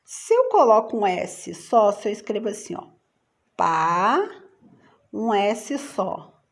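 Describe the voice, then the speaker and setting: A Brazilian woman teaching young children a spelling rule in a patient, sing-song teacher voice. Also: medium pitch. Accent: Brazilian Portuguese.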